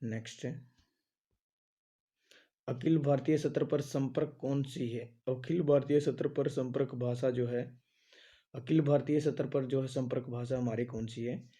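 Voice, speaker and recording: A man's voice: mid-range voice, fairly even intonation, unhurried, mellow. A man teaching an exam-prep lesson, asking each question and then repeating the answer, with a lot of filler phrases. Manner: says "आपका" and "जो है" a lot.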